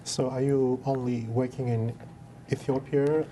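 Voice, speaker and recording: A man's voice: medium pitch, fairly even intonation, a little slow, warm tone, a little hiss or hum. A man hosting a TV interview, asking loose, rambling questions. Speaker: TV show host.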